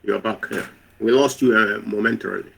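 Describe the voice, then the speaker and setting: A man talking loudly through a remote online call, his voice coming from a distance. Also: lowish voice, fairly even intonation, brisk, creaky. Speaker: call participant.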